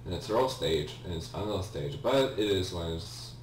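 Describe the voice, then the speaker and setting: Expressive and low-pitched, a man talks at normal speed through casual commentary as a let's player. His delivery is hesitant and rambling, often self-correcting, and the mic sounds distant in a roomy space with a faint hum.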